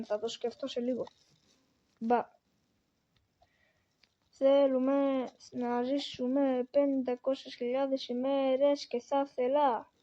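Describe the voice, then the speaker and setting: High-voiced woman chatting through gameplay. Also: a little mellow, highs cut off. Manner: talks to herself and the game, exclaiming often. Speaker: gamer. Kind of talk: casual gameplay commentary.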